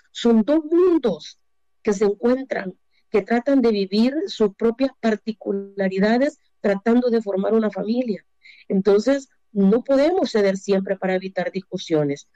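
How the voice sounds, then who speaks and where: Salvadoran woman in her fifties, counsels on relationships, asks and answers her own questions, warm voice, dry room. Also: medium pitch, lively intonation, a little slow, no echo. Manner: asks rhetorical questions and answers them, hesitant fillers. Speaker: relationship speaker. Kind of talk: relationship advice talk. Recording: dull lo-fi dry recording.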